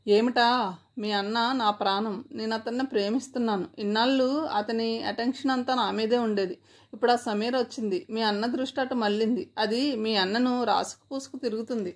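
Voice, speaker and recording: Storybook villainess: a woman reading as a spiteful, possessive young woman, bright and vehement. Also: on the high side, fairly even intonation, fairly quick.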